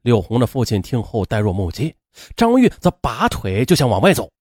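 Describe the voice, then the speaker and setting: A man narrating a true-crime story dramatically, in a colloquial manner with drawn-out particles. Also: no echo, clean studio sound. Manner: animated, acts out women's lines in a high strained voice.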